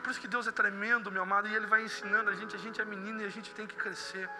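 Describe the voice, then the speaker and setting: Man, preacher, high voice, long hall reverb. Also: little pitch movement, very fast, music in the background. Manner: storytelling, building to impassioned shouting. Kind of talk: sermon. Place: church service.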